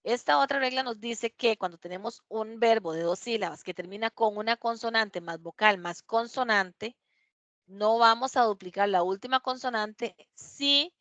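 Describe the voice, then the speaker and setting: Woman, English teacher, dry sound, slow careful examples. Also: mid-range voice, fairly bright tone, dry recording. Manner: reads English examples aloud slowly, checks with "¿verdad?". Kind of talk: classroom grammar explanation. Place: classroom.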